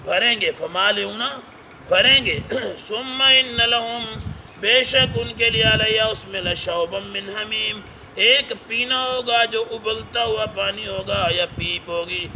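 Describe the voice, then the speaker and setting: A man teaching the Quran, reciting Arabic verses and explaining each phrase in with a teacher's questions to his listeners. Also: sits high. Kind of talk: Quran translation lesson. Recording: noisy recording with traffic behind.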